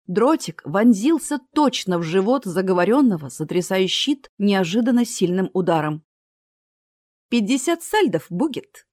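A woman's voice: mid-range voice, a little mellow, no echo, studio quality. A woman narrating a fantasy story as an audiobook reader.

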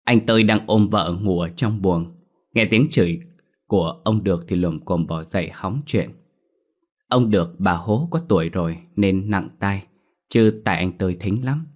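A male storyteller reads a scripted horror tale with steady, solemn pacing. His voice sits very low and carries a breathy, husky grain. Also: normal speed.

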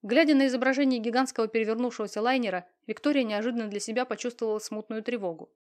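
A woman narrating a romance novel aloud in an expressive, dramatic storytelling manner. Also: on the high side, rapid-fire. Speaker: audiobook narrator. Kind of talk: scripted narration.

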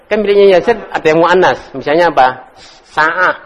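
A man's voice: fairly high pitch, animated, moderate pace, fairly bright tone. A man teaching an Arabic class, calling on students by name and drilling words in a casual manner. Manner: drills students, calls on them by name, chuckles. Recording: echoey hall.

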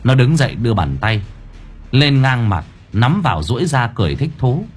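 A man's voice: medium pitch, normal speed, soft background music. A man narrating an audiobook expressively. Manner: expressive storytelling. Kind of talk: scripted narration.

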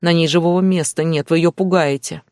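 Brief: male narrator voicing a gentle young woman, hushed and pleading, dry close recording. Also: sits low, fairly even intonation, fairly quick, dry recording, lightly acted. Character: gentle, polite young female assistant.

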